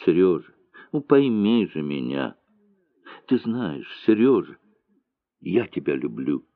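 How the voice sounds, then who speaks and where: A tearful woman begging and accusing her lover, as a male reader puts her on. The voice sits low but swings widely and takes its time. The sound is dry and thin, as if over a phone line. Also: very animated, slow, no echo, exaggerated voice. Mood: pleading. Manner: pleading, reproachful, tearful. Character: tearful pleading young mistress, woman. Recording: dry, tinny narrow-band sound.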